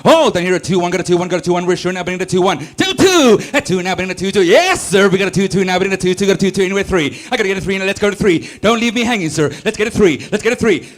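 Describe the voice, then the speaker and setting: A man working as an auctioneer, calling bids in a rapid, rhythmic, repetitive chant. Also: high-pitched, expressive. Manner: repetitive rolling bid-calling.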